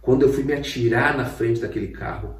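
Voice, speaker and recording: A man tells his personal testimony with strong emotion and acts out every quote. His voice sits at an ordinary pitch. It sounds roomy, as if the mic is some way off. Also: a little fast, recorded from a distance. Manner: vivid storyteller who acts out quotes. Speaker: guest giving testimony.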